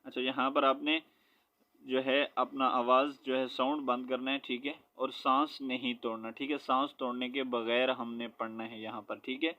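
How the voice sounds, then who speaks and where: A man teaching Quran reading, spelling each word letter by letter and then reciting it slowly, with a Pakistani Urdu accent. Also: mid-range voice, flat delivery, lo-fi sound. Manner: slow syllable-by-syllable spelling, then drawn-out recitation.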